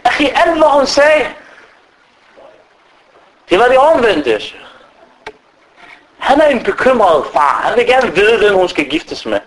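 A man's voice: extremely high pitch, long pauses, low-quality recording. A man giving an informal religious talk, telling stories and acting out the voices of the people he quotes. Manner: animated, acts out quoted speech. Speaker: Islamic preacher.

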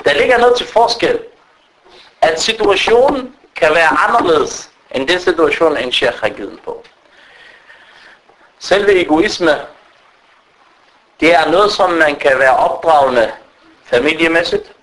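A man's voice: a little high, lively intonation, fairly bright tone, rough recording. Man, preacher, unscripted religious talk, frequent fillers, speaks straight to the audience. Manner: unscripted, halting with fillers, addresses listeners directly. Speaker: Islamic preacher. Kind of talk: religious lecture to a gathering.

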